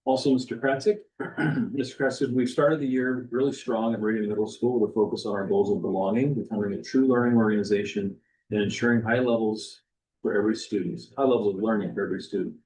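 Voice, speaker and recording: A man giving a school board report, reading principals' feedback aloud in a steady manner. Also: lowish voice, fast, rough recording. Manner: steady, reads quotes aloud.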